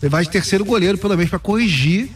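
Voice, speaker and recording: A man's voice: high-pitched, racing, far from the mic, soft background music. A man commentating on football in a radio sports debate, blunt and emphatic.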